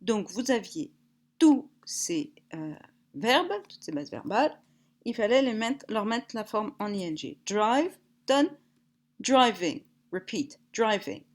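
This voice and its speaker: A woman teaches an English lesson in a recorded class. She says each drill word slowly and with care. Her pitch rises and falls a lot, and she gives her grammar notes at a brisker pace. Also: very animated. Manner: slow, deliberate drill words, then brisk explanations.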